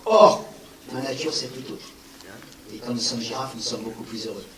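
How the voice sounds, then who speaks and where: A man giving a public talk on non-violence, animated, with rhetorical questions and emphatic repetition, answering an audience's questions. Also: medium pitch, normal speed, far from the mic, a loud crowd. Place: large hall with an audience. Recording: echoey hall, speaker away from the mic.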